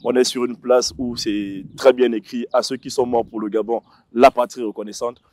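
A thirties-aged man on a panel discussion speaks at normal speed with a mid-range, darkish voice and fairly even intonation. He's recorded on a lapel mic at an outdoor set on a city square, his talk peppered with fillers and restarts.

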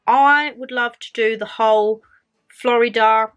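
A young Englishwoman vlogs casually to camera from her bedroom, bubbly and gesturing, though she's still shaking off a cold. Her voice is fairly high and fairly bright, with a steady tone and a measured pace.

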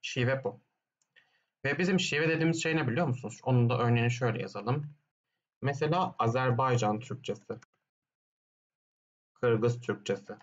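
A man's voice: mid-range voice, normal speed, long pauses, muffled recording. A male teacher, working through exam questions one by one and posing his own questions before answering them. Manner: explains step by step, asks himself questions and answers them; hums "dın dın dın" between points. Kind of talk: exam question walkthrough lesson.

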